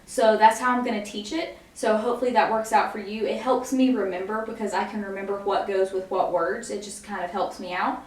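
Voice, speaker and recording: A woman's voice: medium pitch, fairly even intonation, fairly quick, few pauses. A young woman casually teaching a dance routine step by step, with lots of fillers and sung lyric snippets. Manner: chatty, frequent fillers, sings lyric snippets while demonstrating. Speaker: dance instructor. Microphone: camera mic at a distance. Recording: echoey room, far from the mic.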